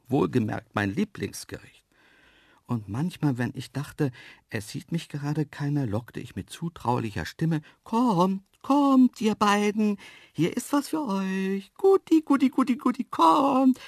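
A narrator reading a children's story aloud in a lively, wry, self-mocking way. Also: mid-range voice, creaky, husky, no echo, clean studio sound. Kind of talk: audiobook storytelling.

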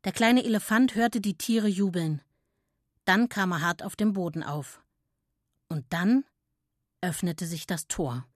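A woman narrating a children's storybook in a gentle, clear and expressive way. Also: on the low side, a little slow, long pauses, dry recording, studio quality.

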